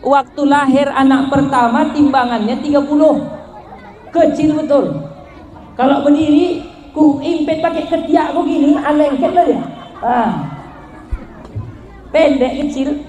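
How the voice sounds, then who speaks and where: A man's voice: extremely high pitch, steady tone, a little slow, pauses often, a little mellow. A male preacher, telling funny stories in a colloquial sermon at a gathering. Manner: joking, colloquial, acts out dialogue. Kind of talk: humorous sermon storytelling. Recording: echoey hall, faint crowd.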